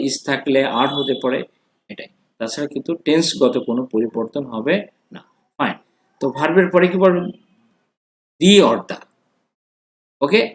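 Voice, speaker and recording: Echoey man teaching grammar. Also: fairly high pitch. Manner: asks the class questions and answers them himself; switches between two languages. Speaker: English teacher. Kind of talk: classroom grammar lesson.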